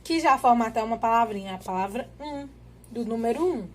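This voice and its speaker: A woman's voice: on the high side, expressive, fairly quick. A woman teacher, giving a children's literacy lesson and patiently sounding out syllables one at a time.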